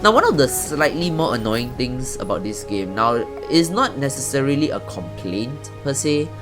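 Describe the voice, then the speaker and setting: A man's voice: mid-range voice, sing-song, moderate pace, music in the background. A man giving chatty, rambling commentary as the host of a casual let's-play. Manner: chatty, rambling, swears lightly. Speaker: gaming channel host.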